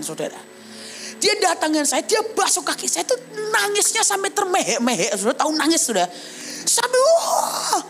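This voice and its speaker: A young adult woman evangelist giving a sermon at a church service. She tells her own story in a vivid, animated way and keeps turning to address the congregation. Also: sits high, slight background noise. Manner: animated storytelling, often addressing listeners as brothers and sisters. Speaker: evangelist preacher. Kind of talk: testimony sermon.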